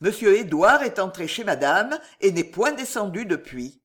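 A calm, deferential manservant, as a storybook reader puts him on, answering politely in a near-natural tone. The voice has a mid pitch with a lively lilt. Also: moderate pace. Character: deferential male valet, calm.

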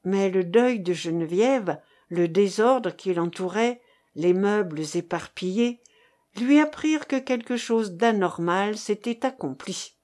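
Slow, mellow woman narrating a novel. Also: mid-range voice.

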